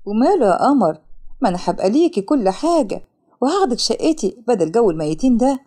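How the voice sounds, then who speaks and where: A woman's voice: a little high, big pitch swings, fast talker, dark tone, husky. A woman voicing a menacing young male thug with an Egyptian accent, threatening in a mocking, sleazy sweet tone in a storybook narration. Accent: Egyptian Arabic.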